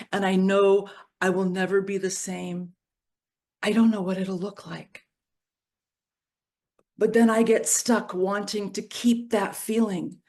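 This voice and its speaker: A middle-aged woman giving a personal storytelling reflection at a church service, moving from playful to hushed and grave. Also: medium pitch. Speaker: worship reflection speaker.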